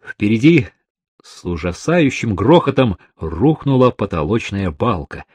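A man reading an adventure novel aloud as an audiobook narrator, dramatic and expressive, voicing the characters' cries with a raised voice. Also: fairly low pitch, a little slow, slightly rough, no echo.

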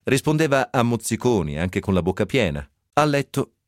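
Male reader, low voice, animated ironic storytelling, close dry radio studio. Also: normal speed, no echo. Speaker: reader of a novel excerpt. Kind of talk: expressive literary reading.

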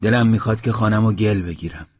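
A man's voice: fairly low pitch, darkish tone, breathy edge. A man voicing a stubborn, grieving village man who answers curtly, in a dull lo-fi audiobook recording. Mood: defiant. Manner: curt, defiant replies.

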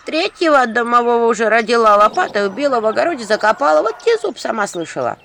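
A woman reading an audiobook, voicing loud, brash village women gossiping in the street. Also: on the high side, big pitch swings, fast talker, vocal fry, slight background noise, pitched above the performer's own voice, full character voice.

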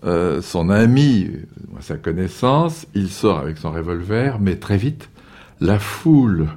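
A man's voice: low voice, expressive, slow pace, darkish tone. A historian interviewed for a documentary, a man explaining patiently with some fillers.

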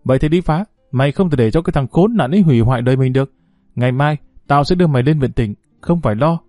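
A man voicing a blunt young village woman who scolds her friend in a quick, reproachful manner. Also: mid-range voice, lively intonation, dry recording, clean studio sound, soft background music, close to an everyday voice. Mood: urging. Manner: sharp, rapid, reproachful.

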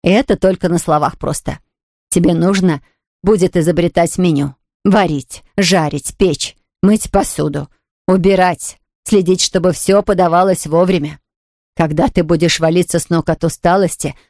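A woman's voice: fairly low pitch, fairly even intonation, moderate pace, a little mellow, no echo, natural voice. A woman reader voicing a stern older aunt. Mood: reproachful. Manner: dry, sniffing, reproachful. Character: stern proud older aunt, frail and disapproving.

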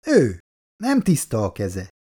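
A man's voice: mid-range voice, wildly swooping pitch, mellow, slightly rough. Man reading as an apologetic young worker. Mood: unsure. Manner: apologetic and unsure. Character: young male factory worker, red-faced and apologetic. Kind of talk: reading a novel aloud.

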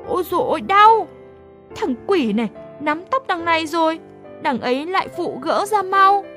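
A woman voicing a brash, loud teenage boy. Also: high voice, lively intonation, a little slow, soft background music. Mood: yelling, pained. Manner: shouting, bossy, hot-tempered. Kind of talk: audiobook character voice.

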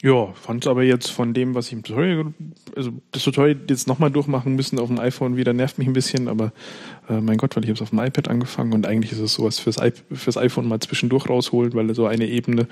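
A man talks casually on a podcast at an average pitch. He rambles, circles back and restarts his sentences often, in a loose, chatty way. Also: flat delivery, fast talker, darkish tone. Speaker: podcast co-host. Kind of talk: casual chat.

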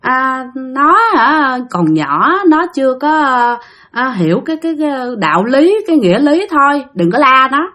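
A woman voicing an old male exorcist master who speaks in slow, unbothered pronouncements while telling a story. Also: sits high, big pitch swings, fairly bright tone. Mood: dismissive.

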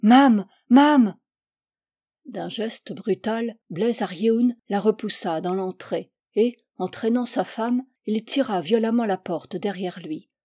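Woman narrator, measured literary audiobook reading, warm and dry. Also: medium pitch, no room sound. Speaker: reader.

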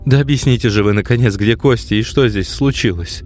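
A man voicing a frantic young woman hunting for her missing son, pleading and close to shouting in an audiobook. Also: medium pitch, a little fast, faint music behind, voice pushed up, natural voice. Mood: desperate. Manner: pleading, strained, on the edge of shouting. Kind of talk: audiobook character voice.

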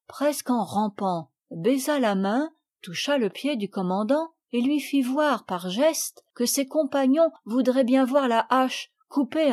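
A woman narrating a children's novel as an audiobook reader, in a measured, expressive way. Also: a little high.

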